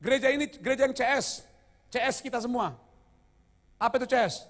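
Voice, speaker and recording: Animated preaching man in reverberant church. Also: very high voice, a little fast. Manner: animated preaching with humorous stories and call-and-response. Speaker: pastor. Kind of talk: sermon. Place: church hall.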